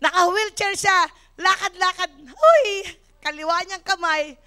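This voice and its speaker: A middle-aged woman pastor preaching a sermon, telling lively, humorous stories and switching between Tagalog and English. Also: extremely high pitch, unhurried. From Philippines. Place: church service.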